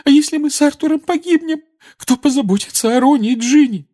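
A man voicing a distraught middle-aged mother witch who cries and pleads in a high, shaky voice, in an audiobook. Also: a little slow, darkish tone. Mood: tearful. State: crying. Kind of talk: audiobook character voice.

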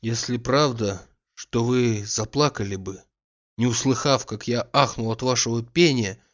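A man voicing a timid, pleading gentleman. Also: medium pitch, unhurried, muffled recording, close to an everyday voice. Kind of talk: audiobook character reading.

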